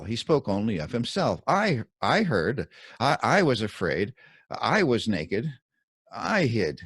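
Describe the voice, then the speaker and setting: An author reads his own scripted religious commentary in an audiobook-like style, his fairly low voice swinging widely in pitch to stress key words. He phrases things deliberately and dramatically, using pointed pauses. The sound is close and dry, with no room sound.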